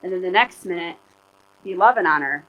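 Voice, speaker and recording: A middle-aged woman pastor giving a sermon in church, conversational and animated, telling personal stories to make her points. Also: fairly low pitch, fairly quick, rough recording.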